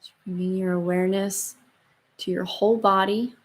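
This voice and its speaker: Female meditation guide, mid-pitched, soothing hushed murmur, slow and spacious phrasing. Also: fairly even intonation, husky. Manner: soft, soothing, slow murmur with long pauses. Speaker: yoga and meditation instructor.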